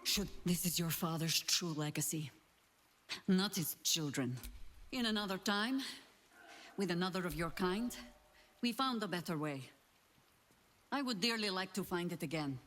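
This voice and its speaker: A performer playing a calm, cryptic otherworldly guardian in a video game, with a measured, formal, probing manner. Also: mid-range voice, lightly acted. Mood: grave, watchful.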